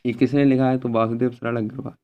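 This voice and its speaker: A man's voice: medium pitch, little pitch movement, fast. A male teacher going through an exam paper step by step, repeating each answer and checking in with a short confirming word. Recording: slightly dull lo-fi recording with faint noise.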